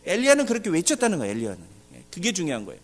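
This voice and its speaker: Pastor type, male, high-ish voice that swings wide, preaches with big dramatic bursts. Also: rapid-fire. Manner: animated preaching with loud dramatic outbursts; asks the congregation questions. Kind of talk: sermon. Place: church service.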